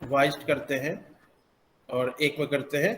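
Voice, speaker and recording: A man teaching English pronunciation, explaining slowly with many hesitant pauses. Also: medium pitch, steady tone, fairly bright tone, roomy sound, slight background noise. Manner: slow, halting, many filler pauses. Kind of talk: explanatory classroom lesson.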